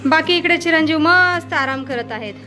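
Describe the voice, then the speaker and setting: A woman's voice: sits high, normal speed, music in the background. A middle-aged woman narrating a casual home vlog, chatty and coaxing. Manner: chatty, coaxing, mixes Marathi with Hindi and English. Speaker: family vlogger.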